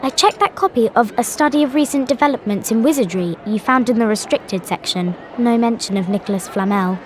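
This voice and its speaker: Female actor as Hermione, high-voiced bookish schoolgirl. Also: brisk, a little hiss or hum, close to an everyday voice. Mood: scolding. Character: bookish, bossy, earnest young schoolgirl witch.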